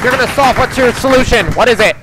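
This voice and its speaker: A man's voice: extremely high pitch, fast, heavy background noise. A man hosting his game channel, talking through a game round and teasing his opponent. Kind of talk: playing a game while narrating. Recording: loud game music and crowd sound. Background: game music and crowd.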